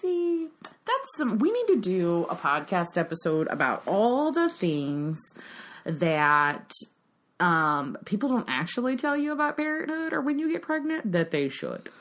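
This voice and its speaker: A woman's voice: mid-range voice, very animated, a little slow. A woman in her thirties co-hosting a podcast in casual chat, laughing often and slipping into playful voices. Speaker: podcast co-host.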